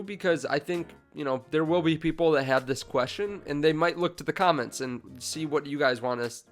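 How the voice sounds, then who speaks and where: A congested young man in his twenties hosts a finance channel, talking casually straight to camera with lots of fillers and restarts. His voice is fairly high and a bit bright.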